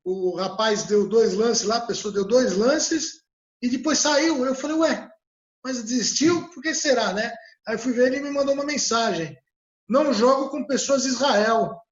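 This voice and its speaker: A man hosting an interview talks casually but hesitantly, restarting often and leaning on fillers. His voice is very high-pitched at a moderate pace, and the recording has its highs cut off.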